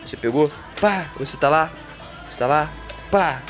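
A man with a Brazilian Portuguese accent hosting a comedy podcast, delivering a profane, animated rant monologue. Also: on the high side, normal speed, soft background music.

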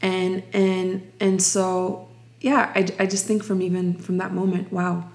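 A young woman from Ukraine shares her testimony in a slow, deliberate way, often restarting her sentences as she gathers her thoughts. Her voice sits low for a woman and stays fairly even, with little rise and fall. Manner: slow, reflective, many restarts. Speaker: guest sharing testimony. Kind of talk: personal testimony interview.

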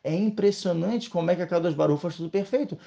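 A man with a Brazilian Portuguese accent teaching a casual weekly Torah lesson, telling stories in a lively, joking way. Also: high voice, fast, vocal fry, highs cut off.

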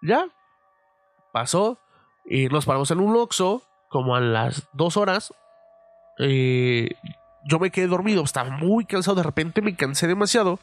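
A young man with a Mexican accent, telling a story casually on his podcast, swearing freely and filling pauses with "eh". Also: fairly high pitch, lively intonation, dry recording, faint music behind. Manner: profane, loose, full of fillers. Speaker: podcast host.

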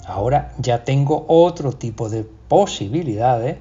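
A man's voice: medium pitch, animated, measured pace, mellow, muffled recording, soft background music. A man with a Spain Spanish accent hosting a casual tutorial, explaining step by step in a chatty way with fillers. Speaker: host.

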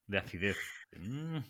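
A man's voice: on the low side, pushed and bright, husky. A man co-hosting a podcast, teasing his partner and rambling through stories. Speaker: podcast co-host. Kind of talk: casual chat.

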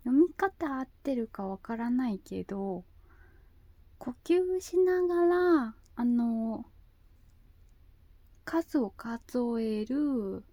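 Very soft, high, cutesy anime-girl female voice. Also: lively intonation, no room sound. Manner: hesitant, halting, often repeating herself. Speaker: video host. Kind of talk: slow casual monologue.

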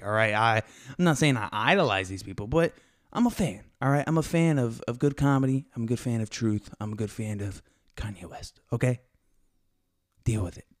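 A young man hosting a casual faith podcast, hyped and a little out of breath, rambling with lots of fillers. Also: medium pitch. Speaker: podcast host.

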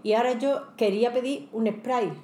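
Middle-aged Andalusian woman, chatty podcast co-host, lively storyteller, recorded in an echoey room with faint hiss. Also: on the high side, moderate pace. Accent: Andalusian Spanish. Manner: animated storyteller who laughs often. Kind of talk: casual chat.

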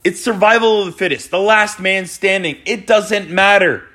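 A man in his forties ranting exasperatedly as a hockey fan after a loss, sometimes shouting. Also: sits high, moderate pace. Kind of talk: post-game fan rant.

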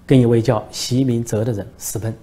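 A man voicing a calm, bold young woman who answers questions with composed, matter-of-fact retorts. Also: mid-range voice, a little fast, close to an everyday voice. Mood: calm, deadpan.

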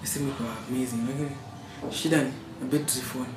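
A man's voice: mid-range voice, flat delivery, very fast. A young Kenyan man in a casual, slangy debate, switching between Swahili and English in a Kenyan accent. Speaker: podcast co-host. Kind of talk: casual chat. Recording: roomy, distant mic, faint noise.

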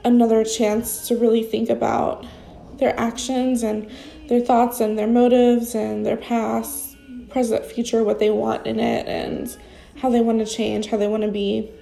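This young woman has a slightly high, creaky, mellow voice, speaking at a measured pace in a level tone; the recording is rough, with soft background music. As a recovery sponsor, she shares her experience in an off-the-cuff vlog. Her nose is stuffy and congested, and she rambles with heavy fillers.

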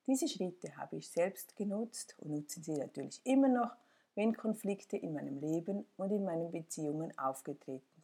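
Low, husky woman narrating self-help. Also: dark tone.

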